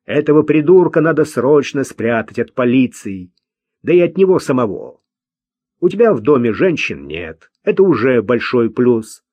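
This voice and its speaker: A man's voice: mid-range voice, sing-song, moderate pace, darkish tone, dry recording. A man voicing a nervous, irritable man who gives curt orders, in an audiobook. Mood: irritated. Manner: curt and commanding.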